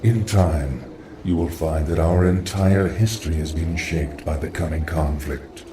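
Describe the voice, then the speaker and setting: A man voicing an ancient, solemn undead lich with a hollow rasp, in a video game. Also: very deep voice, background noise. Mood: grave, knowing. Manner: solemn, portentous, measured. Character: ancient undead lich, reborn servant of a dark king. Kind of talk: video game cutscene acting. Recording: echoing distant voice under loud music.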